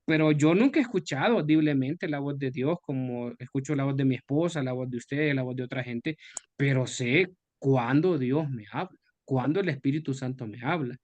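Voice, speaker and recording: A man's voice: mid-range voice, moderate pace, a little mellow, dry recording, highs cut off. A man, a pastor, leading a Bible study discussion in a conversational way and asking the group questions.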